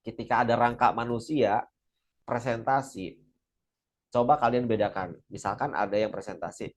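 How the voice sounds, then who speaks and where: A young man giving an energetic public speaking seminar, repeating key points and adding frequent religious phrases. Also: medium pitch, moderate pace. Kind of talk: lively seminar talk.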